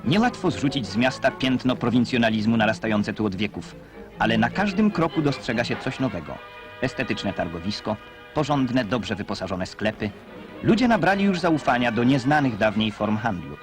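A man giving formal, measured scripted narration as an old newsreel voice-over, recorded on a 1960s newsreel soundtrack. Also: medium pitch, big pitch swings. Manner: formal, measured announcer delivery. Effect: old newsreel voice-over over music.

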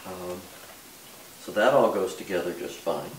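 Older DIY vlogger, low-pitched, plain explaining with fillers; recorded off-mic in an echoey shop with faint background hiss. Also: male voice, a little slow. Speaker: DIY car restoration vlogger. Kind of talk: casual hands-on product demo. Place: large bare-walled workshop indoors. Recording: echoey workshop, distant mic, faint noise.

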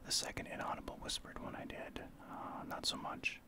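A man from Saskatchewan, Canada, speaking in a soft breathy whisper as an ASMR streamer, explaining his gameplay in informal gamer talk. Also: normal speed. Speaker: streamer, ASMR channel host.

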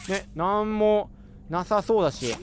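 A man doing chatty, excitable commentary while playing a horror game, reacting aloud with jumpy exclamations. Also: high voice, a little slow, a little hiss or hum. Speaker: gamer. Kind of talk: let's play commentary.

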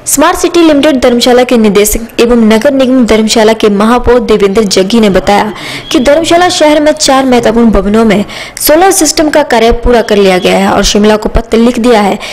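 A woman reading a scripted news report as a voice-over, steady and even. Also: on the high side, a little fast, low-quality recording.

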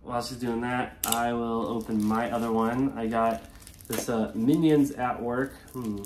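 A woman's voice: extremely low pitch, steady tone, measured pace, a little mellow, slight background noise. A young woman chatting casually as a travel vlogger, easygoing and matter-of-fact while opening toys in a hotel room. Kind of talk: casual chat.

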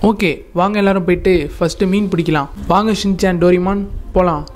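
A man's voice: high-pitched, steady tone, brisk, natural voice. A man playing an easygoing game hero and narrating a gameplay video, speaking plainly and giving instructions to his friends and viewers.

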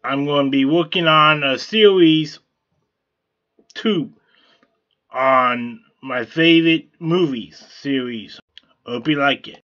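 A t-shirt artist hosting his vlog narrates a tutorial on hand-drawing a t-shirt design, speaking plainly and repetitively with fillers and restarts. His medium-pitched voice is bright and forceful but slow, with long pauses, and the audio is dull.

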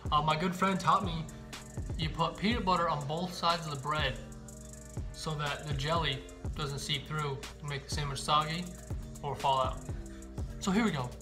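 A young man vlogging casually from his apartment, talking through a stretching routine and joking while he makes a sandwich. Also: a little high. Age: young adult. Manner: relaxed, joking, easygoing. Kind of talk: casual vlog and stretching instruction. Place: small apartment room, indoors.

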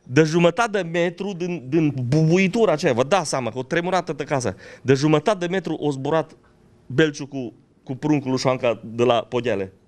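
An older man with a western Romanian regional accent, telling a folksy anecdote with animated, dramatic delivery. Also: on the high side. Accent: Banat-Crișana Romanian. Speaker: local storyteller.

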